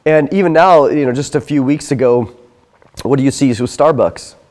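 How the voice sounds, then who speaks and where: A man hosting an interview speaks casually, often chiming in with quick words of agreement. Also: mid-range voice, a little mellow. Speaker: host. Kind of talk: conversational interview discussion.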